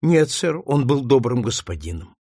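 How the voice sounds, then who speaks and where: A man's voice: mid-range voice, very animated, normal speed, mellow, breathy edge, no room sound, clean studio sound. A man voicing a frightened runaway woman. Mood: meek. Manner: meek, desperate. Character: fearful young runaway woman.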